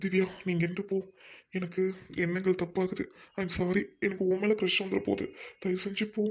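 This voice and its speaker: A woman's voice: medium pitch, flat delivery, moderate pace, breathy edge. A woman voicing a troubled young doctor husband. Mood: distressed. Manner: apologetic, then snapping in anger.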